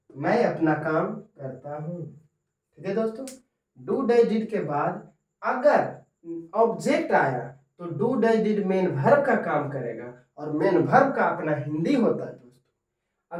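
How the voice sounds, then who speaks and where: A man teaching English grammar in Hindi, repeating each example slowly and often calling his viewers friends. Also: high-pitched, a little mellow, recorded from a distance. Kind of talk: Hindi-medium grammar lesson. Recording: echoey room, voice from off-mic.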